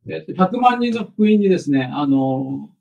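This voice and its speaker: A man's voice: fairly high pitch, lively intonation, moderate pace, vocal fry, a little mellow, recorded from a distance, lo-fi sound. A male pastor leading a prayer and preaching a sermon, earnest and conversational, with frequent fillers.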